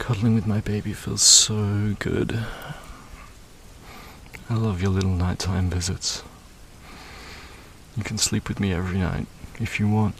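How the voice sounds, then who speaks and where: Slow, gravelly, soothing man. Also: on the low side, little pitch movement, fairly bright tone, a little hiss or hum. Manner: soothing, murmuring, with frequent sighs and hums. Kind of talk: soft-spoken comfort audio roleplay.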